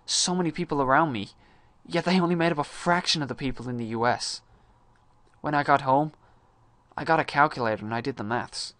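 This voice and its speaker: A man's voice: medium pitch, a little fast, fairly bright tone, dry recording, natural voice. Man acting a theatrical, disillusioned young student, dry sound. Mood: earnest, reflective. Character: disillusioned young high-school man, earnest and restless. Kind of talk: dramatic monologue reading.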